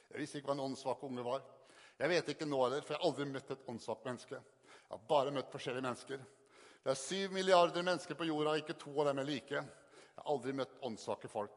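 An older man giving an earnest, halting personal testimony to an audience, often repeating words for emphasis. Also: on the high side. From Northern Norway. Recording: long hall reverb.

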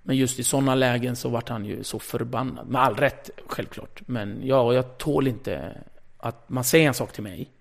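A man with a gravelly, creaky voice chats casually as an interview guest. He talks bluntly and with energy, swears freely and plays out the back-and-forth of old conversations himself. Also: mid-range voice, hardly any pauses. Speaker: interview guest, former radio host.

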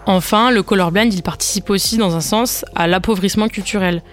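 A podcast host reading a scripted explanatory segment in a steady, explaining manner. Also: mid-range voice, brisk, faint music behind. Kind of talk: scripted narration.

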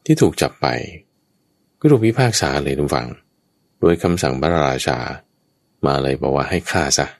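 Male preacher, very low voice, chatty storytelling sermon, dry close mic. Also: very animated, normal speed, long pauses, no room sound. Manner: addresses listeners directly, chatty asides. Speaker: Buddhist preacher telling a scripture tale. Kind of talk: storytelling Dhamma talk.

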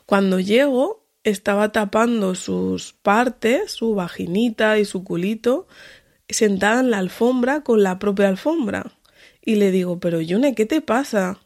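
A woman from tells a personal story as a podcast host. She narrates in an animated way and jumps to a higher voice whenever she acts out dialogue. Her voice sits at a middle pitch for a woman. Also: a little slow, gravelly.

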